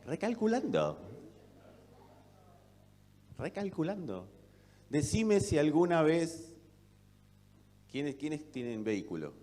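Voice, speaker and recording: Argentine preacher in a reverberant hall. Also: male voice, a little high, very animated, slow, long pauses. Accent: Argentine Spanish. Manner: rhetorical questions, swings between loud and soft. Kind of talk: sermon. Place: church hall. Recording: long reverb of a church hall.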